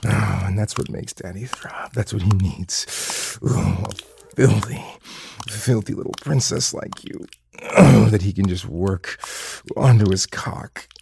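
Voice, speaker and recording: A man speaking an intimate whispered roleplay monologue in a breathy, murmuring delivery with soft sighs. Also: fairly low pitch, a little slow, slight background noise. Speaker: erotic audio performer.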